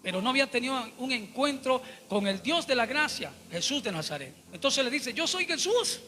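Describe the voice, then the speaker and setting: A man's voice: very high-pitched, animated, a little fast, bright, forceful tone, big-room sound, slight background noise. A man preaching a Bible study sermon, emphatic and repetitive, often turning to address his listeners as brothers.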